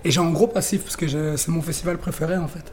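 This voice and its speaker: A man's voice: fairly high pitch, fast talker, darkish tone, a little hiss or hum. A young man from Belgium, a rapper guest in a radio interview, talking chattily with many fillers and restarts.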